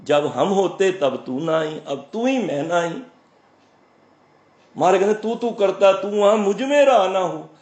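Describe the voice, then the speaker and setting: A man giving a sermon on scripture. He recites the verses slowly, then explains them and answers his own questions. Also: high-pitched, lively intonation, darkish tone, roomy sound. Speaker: Sikh preacher. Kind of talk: scripture exposition.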